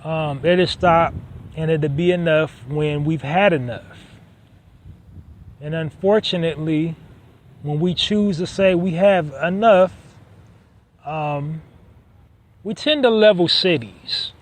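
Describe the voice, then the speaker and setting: A man hosting a solo podcast in a conversational tone, repeating points for emphasis and often pausing on "um". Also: fairly high pitch. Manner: conversational, emphatic repetition, frequent "um" fillers. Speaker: podcast host.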